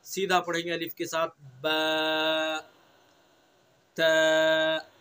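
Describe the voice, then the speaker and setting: A man's voice: a little high, steady tone, moderate pace, sharp tone. A man with a Delhi Urdu accent teaching Quran recitation, patiently repeating each letter sound several times. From India. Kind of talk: slow tajweed lesson, drilling letter sounds.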